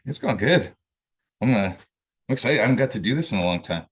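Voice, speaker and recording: A real estate presenter runs a mic check on his own microphone during a video call, chatting easily with colleagues before his presentation. He talks fast and expressively in a husky mid-range voice.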